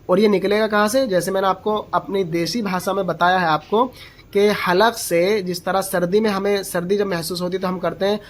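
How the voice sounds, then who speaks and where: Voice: mid-range voice, steady tone. Patient teacher modeling letter sounds. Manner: patient, explains slowly and models each letter sound aloud several times; asks the learner short checking questions. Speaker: Quran reading teacher. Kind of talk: step-by-step pronunciation lesson.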